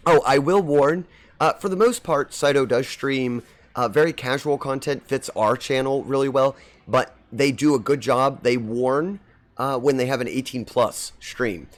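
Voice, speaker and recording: At a medium pitch and measured pace, a man streams a game and chats casually with viewers, his voice a little scratchy from seasonal allergies. He rambles in a friendly way and greets people in chat by name.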